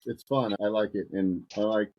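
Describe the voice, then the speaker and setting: A man co-hosting a casual podcast, steady and reflective as he shares advice. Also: on the low side, normal speed, lo-fi sound. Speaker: co-host.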